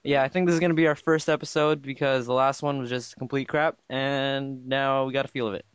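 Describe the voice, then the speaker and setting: A man's voice: mid-range voice, flat delivery, fairly quick, smooth, dry recording. A young man hosting a casual podcast chat, dry and unimpressed, steering the conversation along. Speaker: podcast host.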